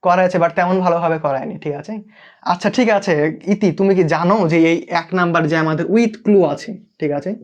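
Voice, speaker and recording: Fast-talking Bangladeshi tutor checking in. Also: male voice, high voice. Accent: Bangladeshi Bengali. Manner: checks in constantly, asks students to comment. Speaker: English tutor. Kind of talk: live online class.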